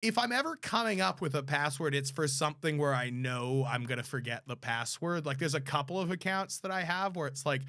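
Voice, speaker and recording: A man's voice: a little high, fairly quick, hardly any pauses, bright, forceful tone, no room sound, studio quality. A man co-hosting a podcast, rambling through casual chat with lots of fillers and some swearing. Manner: rambling, filler-heavy, profane. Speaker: podcast co-host. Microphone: close studio mic.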